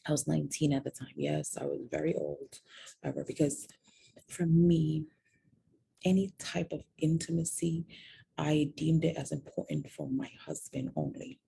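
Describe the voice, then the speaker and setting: A woman's voice: low-pitched, lively intonation, normal speed, creaky, dark tone, a little hiss or hum. A woman candidly recounting a personal story, reflective and self-mocking.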